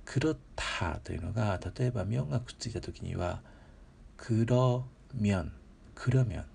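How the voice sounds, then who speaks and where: A man giving a patient, measured grammar lesson, repeating example words slowly and pausing often with fillers. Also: fairly low pitch, expressive, gravelly, darkish tone, a little hiss or hum. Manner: polite instructional phrasing with frequent filler pauses. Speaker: language teacher.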